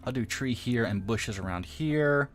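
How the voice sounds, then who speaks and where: A man's voice: mid-range voice, animated, a little slow, soft background music. A man streaming himself modding a game, casually thinking aloud as he works, muttering little sound effects and poking fun at his own mistakes. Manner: rambling and self-deprecating. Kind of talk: casual live-stream commentary.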